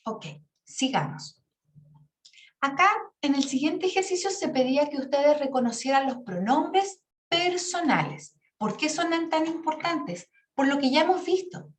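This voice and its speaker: A woman's voice: high-pitched, animated, unhurried, roomy sound. A woman teaching an English grammar class, explaining patiently and checking in with her students often.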